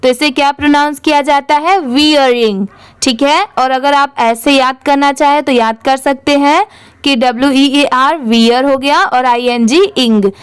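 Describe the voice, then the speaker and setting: High-voiced indian woman teaching english, spells words out slow, dry close sound. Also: steady tone, no room sound. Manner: spells words letter by letter, then asks and answers her own questions.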